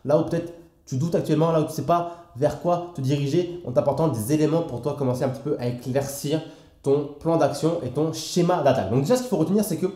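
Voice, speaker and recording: Fast-talking French man in an echoey room. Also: on the high side, warm tone. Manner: familiar, addresses the viewer directly with frequent fillers. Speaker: investing educator. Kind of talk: casual explainer to camera.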